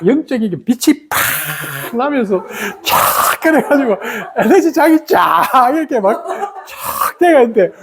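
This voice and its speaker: A middle-aged woman giving a dharma talk as a meditation teacher, telling stories in an animated way and acting out her own old complaints. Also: a little high, a little slow, a crowd in the background.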